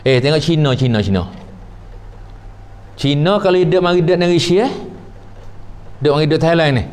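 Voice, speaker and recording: A man's voice: on the high side, brisk, a little mellow, smooth. A man giving a traditional religious book lesson as teacher, repeating words in a loose, rambling way. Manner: repetitive, loosely rambling delivery.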